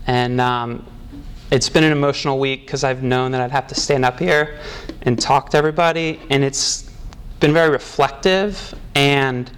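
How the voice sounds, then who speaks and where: A man giving personal testimony at a recovery meeting, halting and reflective, moved close to tears. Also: medium pitch, fairly even intonation, fairly bright tone, clean tone. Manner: halting and reflective, with pauses and restarts.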